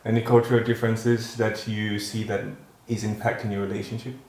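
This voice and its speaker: Low-voiced podcast host in an echoey room. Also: male voice, little pitch movement, a little fast, darkish tone. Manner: asks questions, steers the talk. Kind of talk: casual podcast chat.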